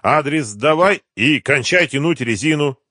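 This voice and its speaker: A man voicing a cruel, mocking male gang boss who bullies and interrogates, raised well above his own deep voice. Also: lively intonation, unhurried, pushed and bright, no room sound, clean studio sound, full character voice. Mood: harsh. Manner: sneering, bullying interrogation.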